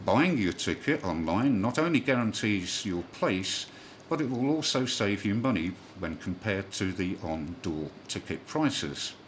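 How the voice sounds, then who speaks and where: Over a clearly noisy shortwave radio broadcast, a man reads a scripted amateur radio news bulletin, spelling out callsigns in the phonetic alphabet and slipping now and then. His voice is on the low side with big pitch swings, and he speaks a little slowly.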